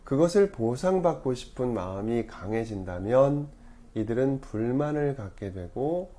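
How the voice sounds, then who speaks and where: In this explanatory teaching talk, the male priest's mellow voice stays calm and even, though he keeps correcting and rephrasing himself mid-sentence. Key words stand out through sudden surges of pitch and loudness.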